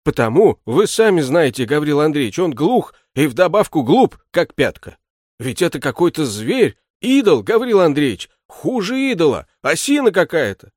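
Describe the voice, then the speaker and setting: A wailing, self-pitying shoemaker servant as the man reading the story puts him on, pitched well above his narrating voice and loud. He pleads with lively, swooping rises in a dry audiobook sound. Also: normal speed, no echo. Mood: pleading lament. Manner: plaintive, pleading, high and loud. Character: whining put-upon male shoemaker servant.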